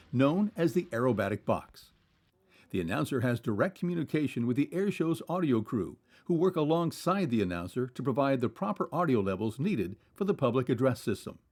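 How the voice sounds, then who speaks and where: A man's voice: mid-range voice, sing-song, normal speed, a little mellow. A man reading scripted documentary narration in a polished, explanatory way.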